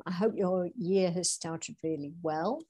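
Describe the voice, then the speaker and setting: A woman hosting a podcast interview, chatty and quick to laugh. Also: on the low side, dark tone, husky, no room sound. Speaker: podcast host. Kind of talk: casual interview.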